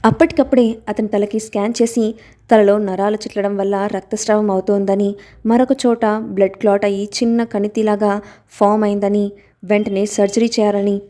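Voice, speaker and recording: A woman reading a novel aloud as a storyteller, in a plain, steady narration that voices the dialogue lightly. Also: mid-range voice.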